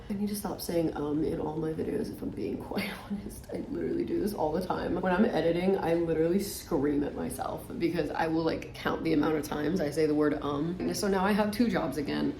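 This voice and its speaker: A woman's voice: low-pitched, vocal fry, darkish tone, a little hiss or hum. A woman in her late twenties chatting casually and informally, with lots of filler words, as she applies makeup. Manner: talking while applying makeup, with trailing pauses; informal, filler-heavy, says "like" constantly. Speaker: vlogger. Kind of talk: casual chatty get-ready-with-me monologue. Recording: roomy echo.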